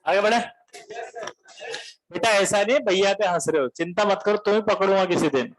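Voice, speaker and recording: High-pitched man teaching a class, jokey and teasing, chatty lecture vibe. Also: normal speed, low-quality recording. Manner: joking, teasing, talks straight to students. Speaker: coaching teacher.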